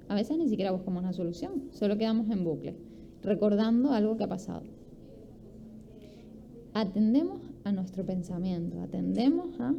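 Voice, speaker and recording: A woman gives an instructive talk with a gravelly, fry-edged voice. She explains step by step, asks rhetorical questions and acts out little scenes. The recording is dull and lo-fi, with faint room ambience behind her. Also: mid-range voice, slight background noise. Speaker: speaker at a sports conference.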